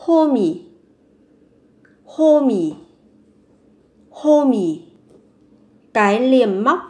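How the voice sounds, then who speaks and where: Woman language teacher, very slow, repeats each word three times, slightly high voice. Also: sing-song, darkish tone. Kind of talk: vocabulary lesson, repeating words slowly.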